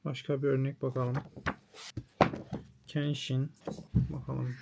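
A man with a slightly high but dark, mellow voice thinks aloud as a manga artist looking over pages. He muses in short, clipped verdicts. A faint hiss and a few clicks sit behind him. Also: creaky. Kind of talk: thinking aloud while browsing.

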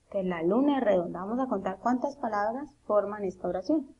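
A woman preschool teacher, giving an online lesson, slowly sounding out letters and syllables in a sing-song way for children and their mothers at home. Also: medium pitch, animated, warm tone, dull audio, a little hiss or hum.

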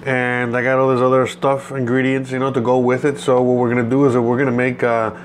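Cooking at home for his vlog, a Cuban man in his thirties rambles casually and easily. He talks fast in a level, medium-pitched voice, with noticeable background noise from the kitchen.

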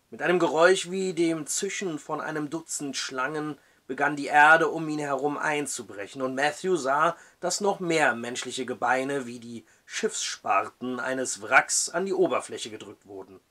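A man reading a dark historical novel aloud in a measured storytelling way, then reviewing it as a book reviewer. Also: mid-range voice.

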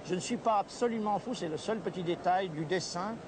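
A man, a motoring journalist, giving crisp, assured answers in an interview at a busy exhibition hall. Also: high-pitched, brisk, background noise.

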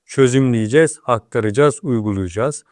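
A man's voice: medium pitch, moderate pace, a little mellow, no echo. Male Arabic teacher, dry close voice. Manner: asks questions and answers them himself. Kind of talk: lesson with questions to the class.

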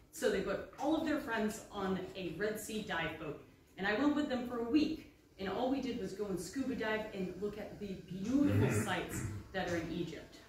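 Speaking through a handheld microphone in an indoor library room full of bookshelves, this woman in her thirties delivers a slide-based public lecture on maritime archaeology in a warm, conversational way, talking straight to her listeners. Her pitch is medium, with slight background noise. Heavy echo makes her sound distant.

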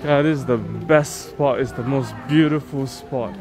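A man talks his way through a walking tour in an easy, unhurried manner. He sounds chatty and upbeat and speaks into a phone while walking. Loud background music runs under his voice. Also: medium pitch. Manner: slow, chatty, upbeat guide. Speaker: vlog host. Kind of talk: casual walking tour commentary. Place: large indoor and outdoor garden complex at night. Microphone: handheld phone camera while walking.

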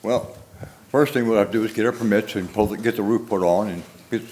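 A man's voice: on the low side, fairly even intonation, fairly quick, a little mellow. An older man representing a property owner, speaking plainly and casually at a podium in a council chamber. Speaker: contractor's representative. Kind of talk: speaking at a public hearing. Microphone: podium microphone.

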